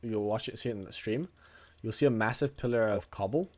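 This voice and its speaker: A man's voice: on the low side, a little fast, darkish tone. A man streaming a video game, chatting casually, muttering and swearing as he plays. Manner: mutters and swears while playing. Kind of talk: casual gaming livestream chat.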